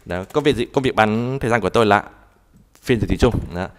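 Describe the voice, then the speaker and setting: A man teaching a live online language class, talking haltingly and repeating words as he types and explains. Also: fairly low pitch. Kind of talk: live online tutoring session.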